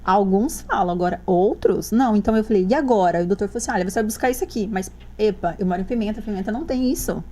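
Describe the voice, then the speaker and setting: A woman's voice: mid-range voice, very fast, few pauses, dark tone. A woman, a mother guest on a podcast, telling her story in casual chat and acting out the dialogue she quotes.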